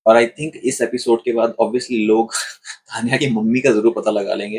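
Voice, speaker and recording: Husky man retelling a show, animated. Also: lowish voice. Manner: animated retelling, acts out quoted lines. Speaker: online show reviewer. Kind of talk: casual commentary.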